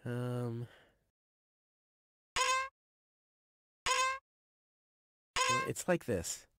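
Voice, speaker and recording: A man's voice: mid-range voice, wildly swooping pitch, slow, pushed and bright, a little hiss or hum, heavily acted. An actor playing a cowardly, boastful young man in a game, who stammers and hesitates. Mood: hesitant.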